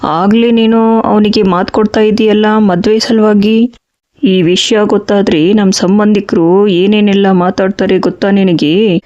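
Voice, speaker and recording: A man's voice: high voice, fairly even intonation, unhurried, a little mellow. A man playing a stern middle-aged father who scolds his son about family honour. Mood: indignant. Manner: scolding, indignant. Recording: slightly dull audio.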